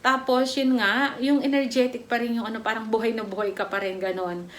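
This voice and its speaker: A middle-aged Filipino woman vlogger gives a casual product testimony, rambling and chatty with many fillers and restarts. Her voice is a little high, flat in delivery, and a little fast.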